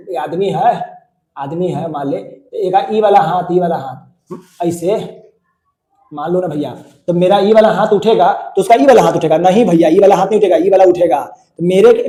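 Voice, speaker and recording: A man with a Bihari accent gives a classroom physics lesson, his voice high yet mellow in tone. He drills each point over and over, asking questions and answering them himself. The sound carries the echo of a bare room. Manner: repetitive, questioning students then answering himself. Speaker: physics teacher. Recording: echoey room.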